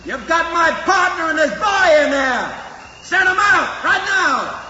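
An actor playing a menacing gunman in an old-time radio western, shouting threats. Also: very high-pitched, expressive, a little slow, heavily acted. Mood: threatening. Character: menacing gunman besieging a cabin. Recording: echoing, muffled, noisy old radio recording.

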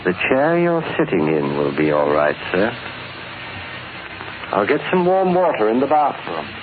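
A man playing a deferential, quietly controlled butler with formal, polite manners in an old-time radio drama. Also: fairly low pitch, very animated, measured pace. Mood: polite, measured. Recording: tinny, noisy old radio recording.

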